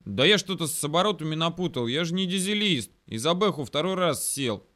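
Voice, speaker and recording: A flustered young army mechanic, as a male reader voices him, whiny and pitched up. The voice is bright and pushed. This is audiobook character acting. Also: expressive, a little fast. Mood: sheepish.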